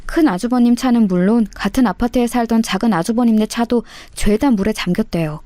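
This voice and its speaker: A woman telling a scripted first-person story to listeners in a steady, confiding way. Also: on the high side, brisk, no echo.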